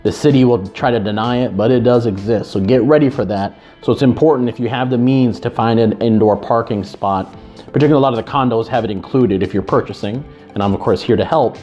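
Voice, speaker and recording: A man's voice: medium pitch, a little fast, warm tone. Earnest man talking to camera. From Chicago. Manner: earnest, with frequent restarts and repeated words. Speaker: real estate agent and channel host. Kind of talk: casual to-camera talk. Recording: slightly dull lo-fi sound with faint music.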